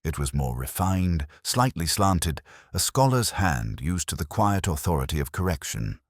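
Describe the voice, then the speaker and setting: His voice is remarkably deep as he narrates a first-person detective tale, measured and brooding with a literary flavor and a lively, shifting melody. The sound is completely dry, with no room around it.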